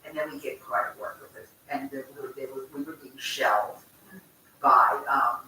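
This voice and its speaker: An older woman telling a personal story to a group, chatty and animated, often breaking off mid-sentence and laughing. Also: rumbling low, moderate pace, distant mic, slight background noise. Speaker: congregant sharing a memory. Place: large community room at a congregation. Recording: echoey room recorded from afar.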